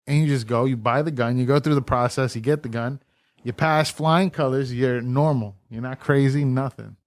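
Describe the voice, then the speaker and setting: Man, mid-pitch, crude jokey storyteller on a podcast; dry close mic. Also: fairly even intonation, moderate pace, no echo. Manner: profane, joking storyteller. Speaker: podcast co-host. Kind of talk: casual podcast chat.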